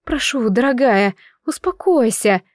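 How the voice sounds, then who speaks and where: A woman's voice: fairly high pitch, animated, unhurried, no echo, clean studio sound, pitched above the performer's own voice. Woman voicing a frantic, pleading mother. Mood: soothing. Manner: pleading, sobbing. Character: frantic grieving mother, tearful.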